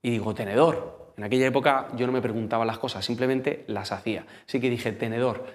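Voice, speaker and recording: A man's voice: medium pitch, fairly even intonation, quick pace. A man with a Spain Spanish accent preaching a sermon in a conversational, storytelling way, speaking directly to the congregation.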